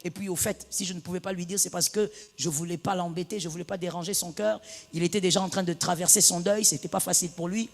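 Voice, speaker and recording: A woman pastor preaching a sermon, moving from hushed tones to loud bursts. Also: fairly low pitch, fairly even intonation, quick pace. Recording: long reverb of a large hall.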